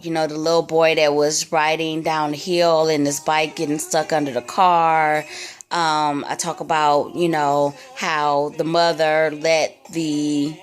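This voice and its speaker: A young woman tells a story from her own life in a loose, rambling way, and she keeps leaning on "like" and "you know." She talks slowly in a fairly low voice. Faint music plays behind her. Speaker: vlogger telling a personal story. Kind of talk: casual storytime retelling.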